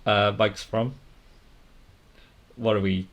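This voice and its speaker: Low-voiced South Welsh man, Swansea area accent. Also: steady tone, slow. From Wales, near Swansea. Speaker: podcast panellist. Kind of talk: casual chat.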